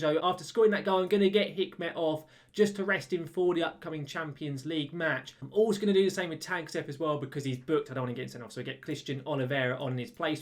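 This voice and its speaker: A man giving casual, chatty commentary over a football management game, getting excited when goals go in. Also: a little high. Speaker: gaming YouTuber. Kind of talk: let's-play commentary.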